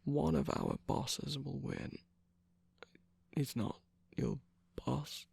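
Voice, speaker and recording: Huge pitch swings mark this mid-range, slightly mellow voice, recorded with no room sound and performed in full character. It's a romantic ASMR roleplay of a flirtatious, teasing male villain's minion, husky and breathy, coy and halting, often whispering.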